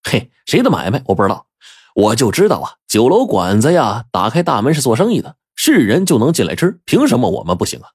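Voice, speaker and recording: A man's voice: medium pitch, wildly swooping pitch, fairly quick, darkish tone, breathy edge. A man storyteller voicing a bold, sly older male beggar who talks back with cocky confidence. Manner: cocky, mocking.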